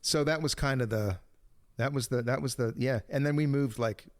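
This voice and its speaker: A man in his fifties recounts his family history as a podcast guest. He rambles along in an ordinary middle register, stacking fillers and restarts, with a loose, unhurried feel. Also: medium pitch. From born in Greece, raised in Cincinnati. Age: 50s. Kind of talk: casual storytelling interview.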